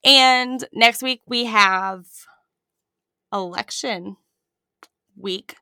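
A woman's voice: fairly high pitch, very slow, bright, forceful tone, clear, resonant tone, dry recording, clean studio sound. A woman co-hosting a podcast, chatting and teasing her co-host as she wraps up the episode. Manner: chatty, teasing, upbeat sign-off. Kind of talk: casual podcast chat.

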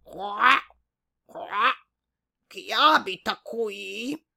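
A woman voicing a jumpy female frog in a children's story who croaks before she speaks. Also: mid-range voice, extremely slow, bright, forceful tone, full character voice. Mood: curious.

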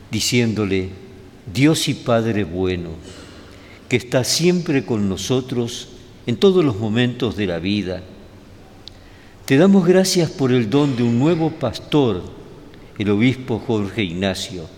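A priest recites prayers at a slow, unhurried pace, in a measured and solemn manner. His voice rings out with the long reverb of a big cathedral. A faint ambient hum sits behind him. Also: mid-range voice, a little mellow. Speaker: priest presiding at Mass. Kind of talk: liturgical prayer and blessing. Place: large cathedral, indoors.

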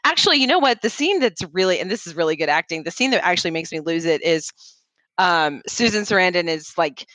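Bright-voiced chatty woman. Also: fairly low pitch, lively intonation, no echo. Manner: enthusiastic, chatty, quick to agree. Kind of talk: casual group chat about movies.

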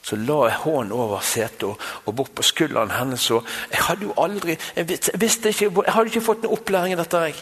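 A man's voice: on the high side, hardly any pauses, fairly bright tone, breathy edge. A man with a Bergen Norwegian accent, a conference speaker giving a sermon built on a personal testimony. He tells his story directly to the audience, with frequent asides. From Bergen, Norway. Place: large meeting hall. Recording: long hall reverb.

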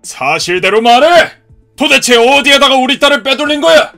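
A man's voice: high-pitched, animated, normal speed, faint music behind, full character voice. A man playing a hot-tempered ex-marine father. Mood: furious. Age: 50s. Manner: scolding, shouting. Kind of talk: cartoon story dub.

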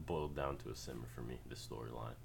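A man's voice: rumbling low, steady tone, quick pace, gravelly, husky. A man co-hosting a podcast in casual chat, talking loosely with many fillers and frequent laughs. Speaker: podcast co-host.

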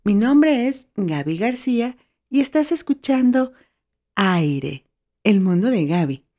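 A woman's voice: a little high, very animated, slow pace, dark tone. A woman hosting her own podcast, talking in a cheerful, playful, chatty way. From Mexico. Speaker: podcast host. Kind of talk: solo podcast monologue.

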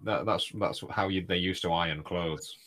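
A man co-hosting a podcast in casual chat. His voice is fairly low. He jokes, swears and laughs often. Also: normal speed, a bit bright. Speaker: guest co-host.

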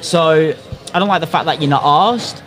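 A man's voice: on the high side, normal speed, fairly bright tone. A man hosting a casual football podcast chat in an opinionated, sweary way. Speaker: podcast host.

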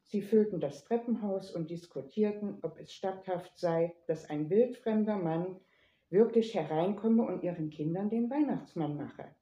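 Female reader, playful storyteller, dark mellow timbre, roomy echo. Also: lowish voice, measured pace, highs cut off. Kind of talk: storybook narration. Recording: echoey room.

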